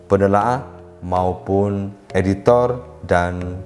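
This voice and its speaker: A man with a lowish voice teaches in a measured, orderly way, counting off points in turn. He speaks politely to his audience as ladies and gentlemen. Soft music plays faintly behind him. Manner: addresses listeners as "Bapak Ibu", lists points step by step. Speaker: writing instructor. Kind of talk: explanatory lesson.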